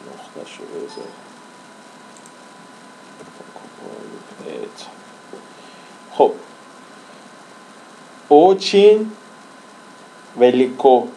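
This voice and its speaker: A man's voice: lowish voice, warm tone, a little hiss or hum, poor audio. A man teaching a language lesson in casual Persian-language style, repeating and drawling example words as he writes.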